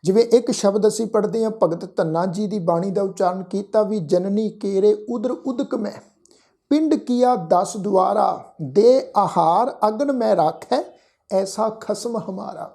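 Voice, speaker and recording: A woman gives a gentle devotional talk on Sikh scripture, and her voice is soft and warm. She slows down to chant each verse with careful diction, then explains how it should be pronounced. She speaks at an even, middle pitch. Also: vocal fry. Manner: explains correct pronunciation of verses. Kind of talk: gentle devotional exposition with recitation.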